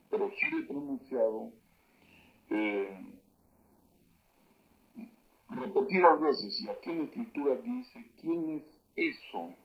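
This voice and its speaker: A man teaching words of an old local language, saying each word slowly and loudly and then explaining its meaning. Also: mid-range voice, lo-fi sound, slight background noise. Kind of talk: spoken vocabulary lesson.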